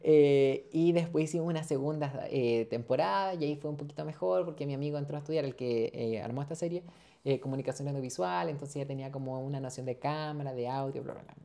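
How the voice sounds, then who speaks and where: A man's voice: on the high side, fast talker, gravelly, dark tone. A man in his twenties with a Chilean accent, talking loosely as a podcast guest, slangy and rambling with lots of fillers, recorded on a lapel mic in a small studio. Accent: Chilean Spanish. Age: 20s. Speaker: podcast guest, dental student. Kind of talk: casual interview chat. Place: small studio room, seated in armchair.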